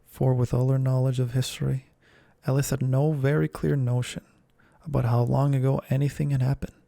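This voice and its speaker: A man reads a storybook aloud in a slow, gentle ASMR voice, right up on a close microphone. His tone is dark and mellow with a gravelly texture. The sound is dry, with no room around it. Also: medium pitch, little pitch movement, no echo. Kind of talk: soft-spoken ASMR reading.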